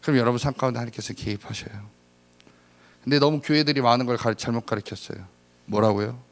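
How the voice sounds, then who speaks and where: A male pastor giving a lively sermon, acting out little scenes in different voices. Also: mid-range voice, quick pace. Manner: animated, acts out little scenes.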